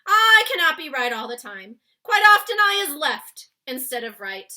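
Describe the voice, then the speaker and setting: A woman's voice: high voice, big pitch swings, moderate pace, sharp tone, pitched above the performer's own voice, exaggerated voice. A woman voicing a big, friendly male giant from a children's storybook, with muddled grammar and nonsense words in an exclamatory manner. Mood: emphatic, boisterous. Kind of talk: read-aloud children's storybook character.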